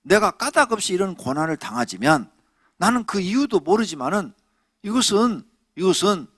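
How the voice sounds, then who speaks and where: A male pastor preaching a Friday night sermon in a church. He is emphatic, quizzes the congregation, and swings between loud exhorting and hushed asides. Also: sits high, sing-song, moderate pace, no room sound, studio quality. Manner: asks the congregation questions. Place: church sanctuary.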